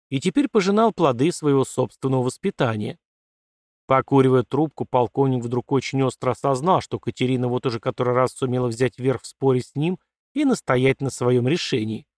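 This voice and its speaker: A male audiobook narrator reading a historical story in a measured, steady way, at a middle pitch. The recording is dry and close, with no room echo.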